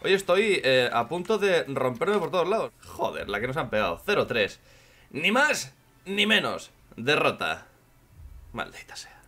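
A man from with a hoarse voice, commenting on his own gameplay in casual chat, joking and swearing a lot. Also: mid-range voice, big pitch swings, normal speed. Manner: swears a lot and jokes, shouts when in danger.

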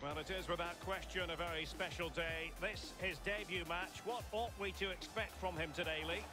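Brief: male actor as video game football commentator, formal broadcast read, higher pitch. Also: steady tone, moderate pace, over music, natural voice. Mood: measured.

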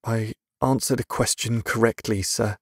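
A man's voice: lowish voice, steady tone, normal speed, breathy edge, no room sound, clean studio sound, pitched above the performer's own voice. A man voicing a nervous, hot-tempered teenage boy who mumbles and hesitates under questioning.

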